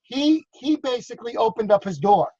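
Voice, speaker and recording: This man's voice is very high-pitched, expressive and mellow, with a breathy edge and a moderate pace, in a dry recording. He's a New York drone business consultant chatting loosely about drone work on a video call, repeating words and asking for agreement, all in dull, lo-fi audio.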